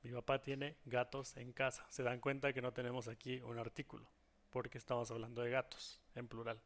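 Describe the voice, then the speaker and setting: A man's voice: medium pitch, completely flat delivery, fairly quick, a bit bright. A man walks students through English grammar rules in a recorded lesson. He explains patiently and keeps checking in with his class as he goes. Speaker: English teacher.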